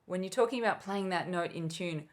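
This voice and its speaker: An Australian woman teaching an online flute lesson, her voice set a little low. She talks with bubbly enthusiasm, playfully calling herself a nerd as she explains ideas step by step. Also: fairly quick.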